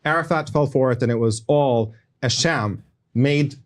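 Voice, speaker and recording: A man's voice: medium pitch, a little slow. A man in his forties who grew up in the Middle East, arguing insistently in a debate and pressing on through interruptions. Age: 40s. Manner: insistent, long-winded, talks over interruptions. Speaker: debate guest. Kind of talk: heated debate argument. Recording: played clip from a debate.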